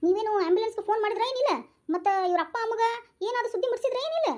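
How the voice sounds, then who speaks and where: Comic skit: woman doing a bossy, teasing male cop, North Karnataka accent, very high voice. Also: racing, darkish tone. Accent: North Karnataka Kannada. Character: bossy male police inspector, scolding.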